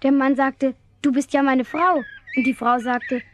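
A woman's voice: high-pitched, steady tone, a little slow, slight background noise, pitched above the performer's own voice. A woman voicing an eager child who chimes in to retell the story.

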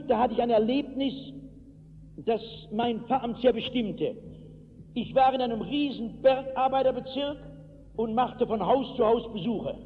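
A male pastor preaching a sermon, telling a story with strong emphasis. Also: extremely high pitch. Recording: echoey hall, tinny lo-fi line.

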